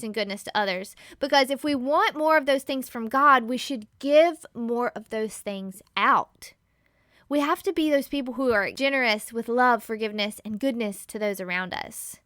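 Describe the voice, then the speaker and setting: A woman giving a casual Bible teaching as a podcast host, animated and laughing often as she acts out everyday scenes. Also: high voice, clean tone, dry recording, clean studio sound.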